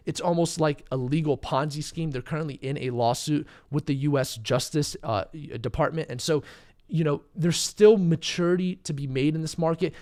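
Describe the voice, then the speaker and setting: This crypto trading channel host sounds slightly hoarse, a bit sick and losing his voice as he delivers live stream market commentary. He's casual and chatty, leans on fillers and reads chat questions aloud, in a fairly high, somewhat mellow voice.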